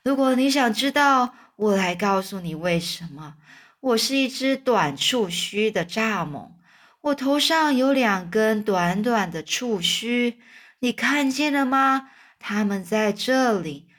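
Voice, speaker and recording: A woman voicing a kind old male grasshopper who plays the violin, speaking gently and slowly, as in a children's storybook. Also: mid-range voice. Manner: gentle, slow and patient explaining.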